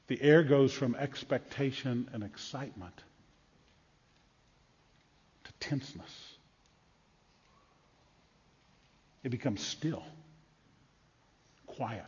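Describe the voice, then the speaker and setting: In a dramatic first-person monologue, a man plays an excitable blind beggar of ancient Jerusalem, halting, repeating himself, and swinging between hushed and loud. His voice is fairly high with a breathy edge, recorded in an echoey large hall and slightly muffled.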